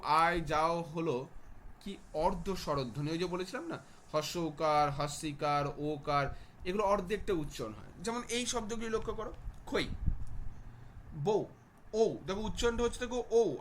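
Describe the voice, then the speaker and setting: Man, teacher, exam answer walkthrough, slightly high voice, checks in with students, faint hiss. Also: fairly bright tone. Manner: explanatory, checks in with students often.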